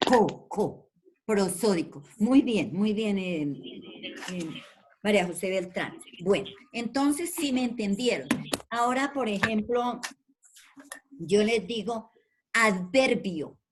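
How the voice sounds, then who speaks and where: A woman's voice: medium pitch, expressive, slow pace, background noise. Patient woman teacher on a video call. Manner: patient, calls pupils by name and repeats questions; affectionate with pupils. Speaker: primary school teacher. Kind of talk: online class lesson.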